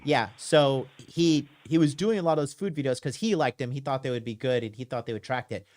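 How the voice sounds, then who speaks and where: Man in his late 30s, call-in show host, emphatic, repetitive, mid-pitched voice. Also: a little fast, darkish tone. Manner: emphatic, repeats himself, says okay a lot. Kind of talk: casual call-in advice talk.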